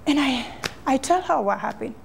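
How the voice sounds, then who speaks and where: High-voiced woman recounting an ordeal. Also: expressive, gravelly, a little hiss or hum. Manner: halting, repeats phrases, non-native English grammar. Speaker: interviewee. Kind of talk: emotional personal account in an interview.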